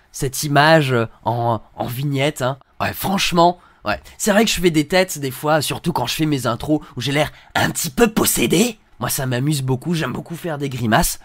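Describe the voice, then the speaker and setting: A man's voice: fairly high pitch, fairly bright tone, no echo. Sarcastic man reacting to hate comments. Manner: mocking, ironic, reads comments aloud in put-on voices. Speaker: video creator reacting to comments.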